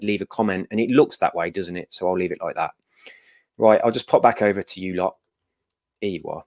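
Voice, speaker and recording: A middle-aged man hosting a giveaway livestream, chatting casually, answering viewer comments and telling jokey stories. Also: on the low side. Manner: laughing, jokey storytelling.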